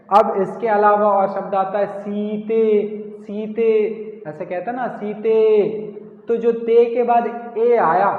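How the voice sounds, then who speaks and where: A man teaching a grammar lesson, asking the class questions and answering them himself, repeating key words. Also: high-pitched. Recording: echoey hall, tinny phone-like sound.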